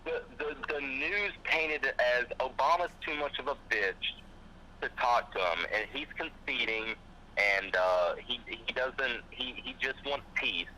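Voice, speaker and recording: A man in a loose, swearing rant with a very bright, sharp tone and a lively, swooping pitch. He talks like a fired-up podcast host in casual chat. A faint hiss of noise sits under the recording. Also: a little slow, rough recording. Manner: profane, fired-up ranting with mocking quoted voices.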